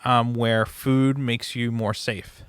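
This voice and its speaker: A man's voice: medium pitch, flat delivery, takes it slowly, smooth, no room sound. A man co-hosting a casual beer podcast, joking and teasing his co-host.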